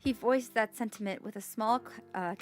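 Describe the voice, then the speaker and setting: A woman's voice: medium pitch, normal speed, soft background music. Woman streamer reading game text aloud. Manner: stumbles over unfamiliar words, light asides.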